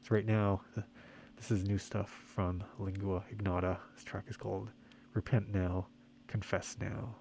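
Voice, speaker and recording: A man hosting a music radio show in a casual, halting, quiet way, slightly muffled by the mask he is speaking through. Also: on the low side, level tone, gravelly. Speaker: radio host and DJ. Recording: faint background noise, muffled by mask.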